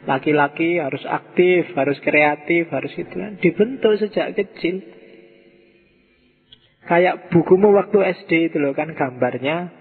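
A man's voice: a little high, a little slow, husky. Javanese-accented man lecturing in an echoey hall. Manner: casual, joking, rhetorical questions to the audience. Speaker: philosophy lecturer. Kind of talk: public philosophy lecture. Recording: echoey hall over a tinny lo-fi line.

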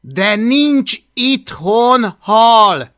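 A man's voice: sits high, lively intonation, pushed and bright, no echo, studio quality, voice pushed up, exaggerated voice. A man voicing an exasperated young Viking boy who strains and pleads with his dragon in an audiobook.

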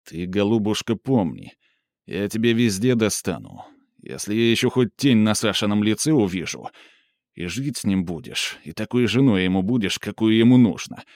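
Male reader as a domineering young man, low, harsh, commanding; dry close read. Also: expressive, moderate pace, a little mellow, dry recording. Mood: angry.

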